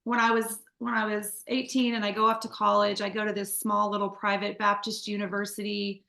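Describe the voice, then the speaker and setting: A woman's voice: medium pitch, monotone, brisk, vocal fry, bright, forceful tone, roomy sound. A woman in her forties from the Midwest, sharing her life story as an interview guest in a candid, chatty way with many fillers and restarts. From Midwest United States. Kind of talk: conversational testimony.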